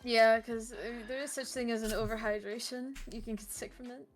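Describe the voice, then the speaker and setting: A woman's voice: on the high side, fairly even intonation, a little fast, faint music behind. A woman chatting casually on a live stream into a desk mic, giggly and modest. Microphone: desk microphone.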